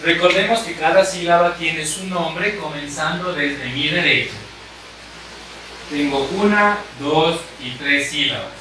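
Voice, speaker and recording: Slow, bright-voiced male teacher. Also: fairly high pitch, a little hiss or hum. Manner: slow, deliberate, repeats key points. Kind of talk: classroom grammar lesson at a board. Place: room with a board. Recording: echoey room, mic far off.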